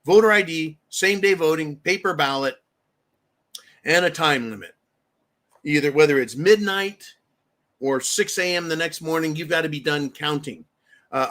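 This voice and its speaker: High-voiced man ranting on a livestream. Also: pushed and bright. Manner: blunt, profane ranting, acts out quoted voices. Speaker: livestream host. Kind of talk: casual live-stream commentary.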